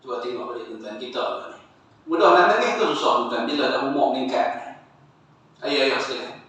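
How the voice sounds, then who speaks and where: A man's voice: mid-range voice, animated, brisk, fairly bright tone. A man preaching an evening sermon, often addressing his listeners and asking rhetorical questions. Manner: addresses audience repeatedly, asks rhetorical questions. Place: mosque hall. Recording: echoey hall, distant and dull mic.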